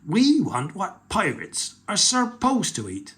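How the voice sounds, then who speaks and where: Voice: medium pitch, wildly swooping pitch, slow pace, slightly rough, pitched above the performer's own voice, heavily acted. A storyteller voicing a bossy male pirate chief in a children's storybook, who barks out orders. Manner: loud, commanding calls. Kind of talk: storybook read-aloud.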